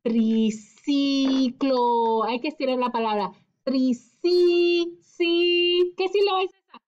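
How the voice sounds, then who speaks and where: A woman's voice: very high voice, unhurried, muffled recording. A woman teaching children a phonics lesson, patiently sounding out syllables, rolling her R and answering her own questions.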